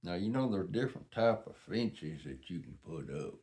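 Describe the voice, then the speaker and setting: A man's voice: low-pitched, sing-song, moderate pace, a little mellow. An older man with a Southern US accent, telling rambling stories in a casual, folksy, plain-spoken way. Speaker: vlogger.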